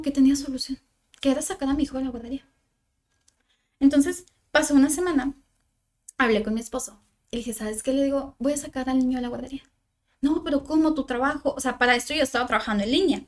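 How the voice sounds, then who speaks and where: A woman's voice: high voice, fast talker. A young woman with a Mexican accent, a psychologist guest on a parenting podcast, telling a personal story in conversation and acting out the lines of those involved, with many fillers. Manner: recounts dialogue, filler-heavy with "o sea" and "le digo".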